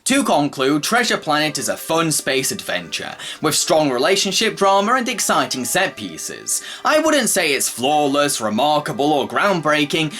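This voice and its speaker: Male reviewer: scripted narration, forward bright tone, lively pitch movement, light music bed. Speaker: film reviewer. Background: faint background music.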